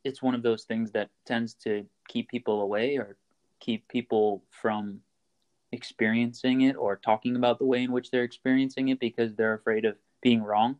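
Man explaining his work casually. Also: medium pitch. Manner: explains steps plainly, frequent fillers and restarts. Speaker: coffee roaster, guest. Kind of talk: casual interview chat.

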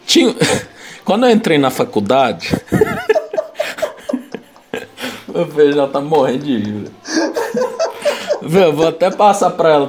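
A man's voice: a little high, background noise. A young man, casually telling a story in rambling chat, laughing and packing in slang fillers.

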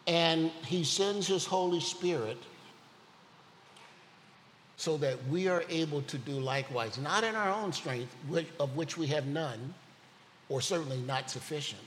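A man giving a sermon as a guest speaker, telling personal stories in an earnest way. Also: on the high side. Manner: earnest, personal storytelling preacher. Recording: long hall reverb with faint ambient noise.

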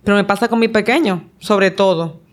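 A woman's voice: mid-range voice, brisk. A woman hosting a podcast interview, encouraging her guest and steering the conversation with affirmations. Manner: encouraging, guiding the talk with affirmations. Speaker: podcast host, mentor.

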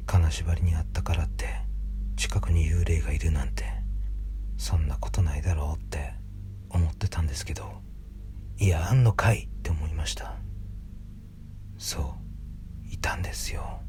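A man reads a creepy ghost story in a hushed, breathy whisper, speaking conversationally as the narrator. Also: rumbling low, moderate pace, pauses often. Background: background music.

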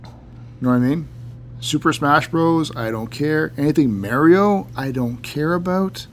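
Deadpan male podcast co-host over laptop fan. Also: a little high, unhurried. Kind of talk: casual banter between friends. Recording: laptop fan hum behind voice. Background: loud computer fan.

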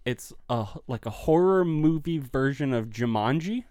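A man chatting on a podcast and making blunt, dry comments. His voice sits at a medium pitch. The recording is dry and close. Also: expressive, normal speed, a little mellow, no echo. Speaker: podcast co-host. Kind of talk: casual chat.

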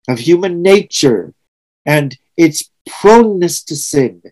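A man's voice: mid-range voice, mellow, poor audio. A sixty-year-old man from Trinidad and Tobago, preaching a sermon in an earnest, reflective way with emphatic swells. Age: 60s.

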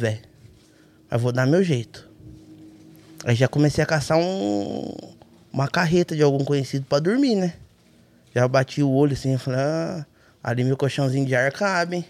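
A man with a Brazilian accent, a rally navigator guest telling a story in casual, colloquial talk and acting out the dialogue. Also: medium pitch. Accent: Brazilian Portuguese. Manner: animated, colloquial, acts out dialogue in his story.

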